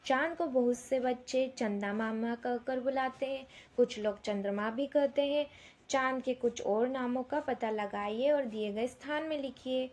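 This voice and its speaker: A woman teacher, slowly dictating answers word by word to young schoolchildren, repeating each question. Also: a little high, darkish tone. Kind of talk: slow dictated Hindi lesson for young children.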